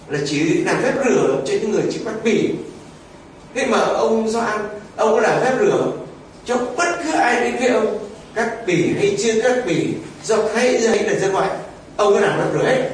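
A male priest preaches a sermon in animated storytelling fashion. His voice sits high and swings widely in pitch. He sounds far from the mic, with heavy church echo and faint background noise. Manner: animated storytelling, rhetorical questions.

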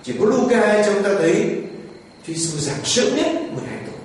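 High-voiced priest in a booming church. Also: male voice, expressive, fairly quick, a little hiss or hum. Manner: dramatic storytelling, acting out Bible scenes. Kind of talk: sermon. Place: large church. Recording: echoey church hall, distant mic, faint ambience.

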